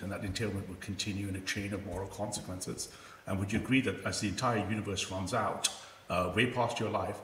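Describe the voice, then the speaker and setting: Low-voiced guy arguing quick, sounds like hes in a big echoey hall with faint hiss. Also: a bit bright. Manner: presses a rapid, step-by-step argument. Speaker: debate participant. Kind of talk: online debate.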